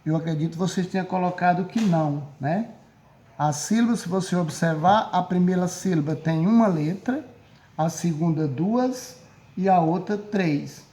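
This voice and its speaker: A Brazilian man gives a recorded grammar lesson in a patient, repetitive way, stopping often to check that his students follow along. His voice sits high for a man, but its tone is soft and mellow. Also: normal speed. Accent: Brazilian Portuguese. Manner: patient, repeats and checks with "certo?". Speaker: teacher.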